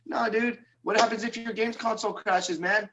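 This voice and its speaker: A man in his mid-thirties talks in an easy, laughing way during a casual group chat. His voice is notably high, with faint noise under the line. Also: steady tone, moderate pace. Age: 30s. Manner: laid-back, laughing.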